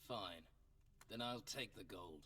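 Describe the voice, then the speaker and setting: Casting: blunt, unfazed game hero; deep-ish, terse, slightly off-mic. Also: male voice, takes it slowly, sharp tone, far from the mic, exaggerated voice. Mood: cool, blunt. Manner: curt, matter-of-fact. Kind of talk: video game voice acting.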